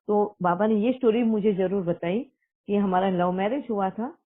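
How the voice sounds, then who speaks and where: A woman speaking earnestly as a spiritual speaker, recounting a personal testimony and mixing English words into Hindi. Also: medium pitch. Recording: tinny phone-like audio.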